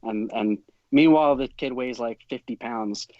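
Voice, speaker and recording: A man telling an animated umpiring story in casual talk, laughing as he goes. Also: medium pitch, moderate pace, dry recording, muffled recording. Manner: animated, laughs through his own story.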